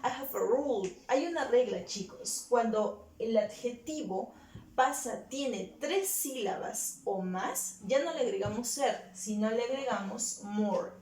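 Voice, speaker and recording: Woman English teacher, unhurried bilingual lesson style, slight hiss behind, roomy sound. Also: fairly high pitch, a little mellow, recorded from a distance. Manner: slow and deliberate, repeating words and switching between English and Spanish. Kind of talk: bilingual classroom lesson for children.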